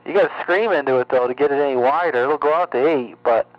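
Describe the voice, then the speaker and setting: A man's voice: mid-range voice, fast talker. Man, CB radio operator, slightly mistuned off-frequency radio voice, casual on-air chat, muffled lo-fi sound. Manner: relaxed, swears in passing. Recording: dull lo-fi radio with faint hum.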